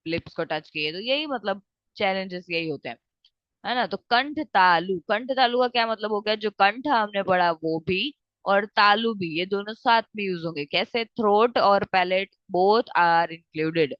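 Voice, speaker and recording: A woman's voice: mid-range voice, measured pace, dry recording. A young woman teaching a lecture, explaining step by step and often checking in with her students. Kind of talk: lecture in mixed Hindi and English. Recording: dull, dry, muffled sound.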